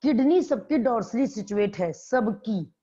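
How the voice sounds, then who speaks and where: A woman's voice: fairly high pitch, lively intonation, a little slow, dark tone. Woman biology teacher with a dull lo-fi sound. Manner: repeats key terms and quizzes students. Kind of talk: classroom lecture. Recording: dull lo-fi classroom recording.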